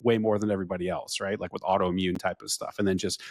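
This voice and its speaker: A man with a lowish voice, hosting a podcast, speaks his views in plain, outspoken conversation. The recording is dry and close. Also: little pitch movement, fast, no echo. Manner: opinionated, conversational, uses casual swearing. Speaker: podcast host. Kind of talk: casual conversation.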